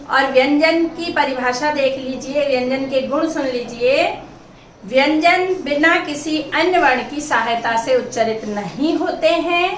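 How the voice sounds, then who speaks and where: A woman's voice: high voice, a bit bright. A woman teaching a Hindi grammar lesson, patiently spelling out each letter one at a time. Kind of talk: grammar lesson explaining consonants. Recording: echoey room, mic at a distance, faint hiss.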